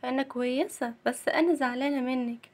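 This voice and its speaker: A woman's voice: high voice, fairly even intonation, fairly quick, natural voice. A woman voicing a cheerful little girl with an Egyptian accent, chattering sweetly in a children's play-acting story. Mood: childlike. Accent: Egyptian Arabic.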